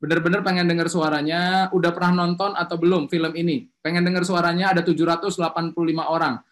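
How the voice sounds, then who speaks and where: A man running an online webinar as a communication trainer, lively and coaxing the audience to answer, speaking through a video-call mic. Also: fairly high pitch, fast. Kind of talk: energetic online webinar presentation.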